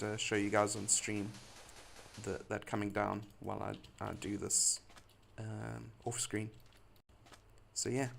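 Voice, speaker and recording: A man's voice: fairly low pitch, creaky, slight background noise. A man chatting casually on a live stream while he builds in a game, rambling and laughing often.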